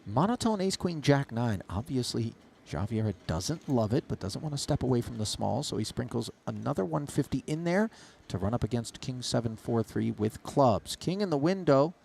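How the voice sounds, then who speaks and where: A man's voice: medium pitch, expressive, normal speed, creaky, darkish tone, slight background noise. A man giving play-by-play poker commentary with wordy, ornate phrasing.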